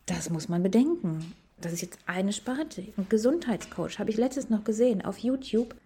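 Woman, podcast host and etiquette coach; mellow tone, emphatic and animated. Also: mid-range voice. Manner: animated, emphatic, switches between slow stress and fast asides. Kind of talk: casual podcast monologue.

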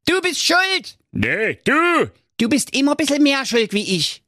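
Shrill, bickering village folk from a comic fairy tale, voiced by a man in a very high register. They whine and squabble. The recording is dry and close. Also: wildly swooping pitch, measured pace, pushed and bright, no room sound, full character voice. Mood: quarrelsome.

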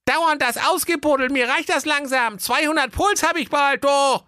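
Squeaky talking dud bomb, cheeky slang, grumbling, high and bright, comic audio fairy tale, dry sound. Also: male voice, moderate pace, no room sound. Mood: grumpy.

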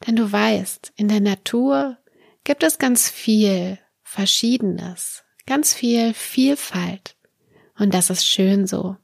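This is a calm, narrated dream journey, a guided meditation in which a woman speaks slowly and offers brief, soothing lines separated by pauses. She has a mid-range, slightly creaky voice and a gentle manner. It's recorded close and dry, free of room sound or echo.

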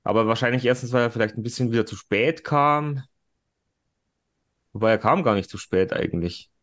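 A man's voice: medium pitch, fairly quick. A man co-hosting a podcast in casual chat, with a dry, teasing sense of humor. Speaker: podcast co-host.

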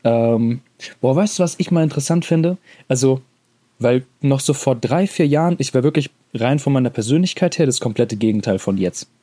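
A man's voice: medium pitch, animated, moderate pace, warm tone. A young man co-hosting a podcast, talking casually in a rambling way with slangy asides. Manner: rambling, many restarts and fillers, slangy. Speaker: podcast co-host.

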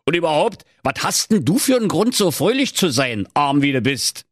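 A man's voice: a little high, very animated, normal speed, no room sound, clean studio sound, pitched above the performer's own voice. A man voicing a cantankerous stingy old male miser with a Berlin accent, grumbling and scolding.

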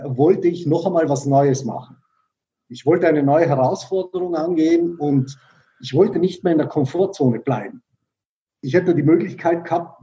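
A man's voice: fairly high pitch, warm tone, muffled recording. A middle-aged man from South Tyrol, a podcast guest explaining things in a thoughtful way with many fillers and restarts. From South Tyrol, Italy. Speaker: tourism director, podcast guest. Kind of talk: conversational interview answers.

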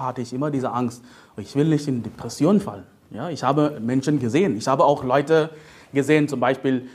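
Husky-voiced man preaching playfully. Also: fairly high pitch. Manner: playful, joking, animated sermon delivery with frequent "ja?". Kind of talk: sermon.

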